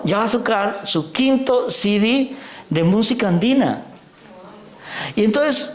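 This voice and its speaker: Chatty priest preaching in an echoey church. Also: male voice, fairly high pitch. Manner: chatty, digressive, addresses the congregation directly. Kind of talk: conversational sermon. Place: church before a congregation.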